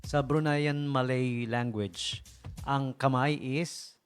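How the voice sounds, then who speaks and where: A man's voice: medium pitch, slow pace, clean tone. A man, a radio DJ telling funny stories in a casual, joking way and laughing often. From Philippines. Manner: joking, chuckling often, animated. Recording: radio broadcast with music behind. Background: music.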